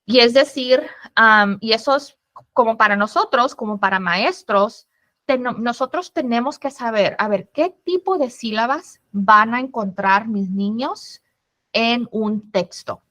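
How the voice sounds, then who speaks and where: A woman and former teacher giving an online presentation to parents, explaining patiently and sounding out syllables slowly. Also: fairly high pitch, fairly bright tone.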